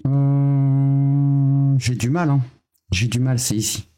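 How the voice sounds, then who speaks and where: A man hosting a live stream in a relaxed, casual chat. He rambles as he sets things up, tossing in small filler sounds and talking his steps through out loud. His voice sits at an ordinary, mid-range pitch. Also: slow. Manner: chatty, thinks aloud with filler sounds.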